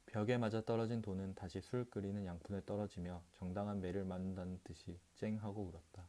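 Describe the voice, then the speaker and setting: A man narrating a classic short story as an audiobook, reading calmly and steadily. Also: low voice, quick pace. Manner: calm, steady reading with occasional restarts. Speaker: audiobook reader.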